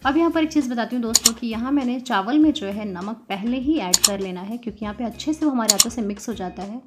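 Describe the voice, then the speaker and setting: A woman's voice: fairly high pitch, fast talker, loud music behind the voice. A woman hosting a home cooking tutorial, talking viewers through each step in a friendly, chatty way. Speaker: cooking channel host.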